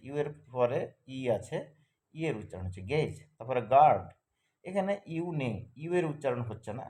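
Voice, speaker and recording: A man's voice: medium pitch, darkish tone. A man teaching English pronunciation in a lesson, explaining step by step and repeating each example word and rule. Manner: slow, step-by-step, repeats words and rules.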